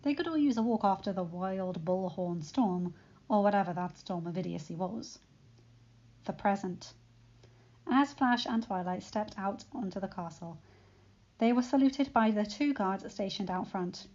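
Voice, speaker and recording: A woman reading a fan fiction story aloud as an audiobook narrator, in an expressive storytelling manner. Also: mid-range voice, measured pace. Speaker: audiobook reader. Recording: slightly dull lo-fi recording, faint music.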